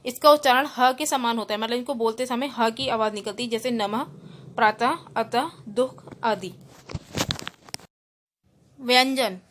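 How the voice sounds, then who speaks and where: Slight background noise accompanies this Indian woman's somewhat high voice as she teaches Hindi online to schoolchildren. She explains rules one at a time and repeats each in easier language, peppering in English terms.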